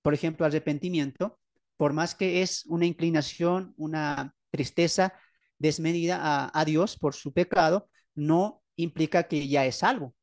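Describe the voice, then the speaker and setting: In this teaching sermon, a pastor presents his book, often posing rhetorical questions to listeners and driving home key phrases by repeating them. His voice is slightly high and a little mellow, captured dry in a clean studio.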